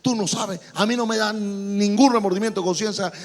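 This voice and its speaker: A man's voice: high voice, fairly even intonation, a little fast, natural voice. A man voicing a tough, thuggish male disciple who threatens and bosses, in a reverberant church with faint music. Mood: threatening. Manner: threatening, bossy.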